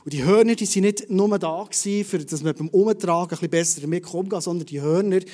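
A high-voiced man with a Swiss German accent, giving a casual, conversational sermon to his church. He swings between loud bursts and quiet, hushed asides. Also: quick pace. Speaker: preacher. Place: church service.

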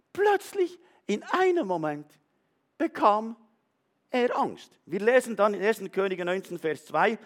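A man's voice: on the high side, gravelly. A man preaching a sermon, retelling a story with animation and speaking straight to the congregation. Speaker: pastor.

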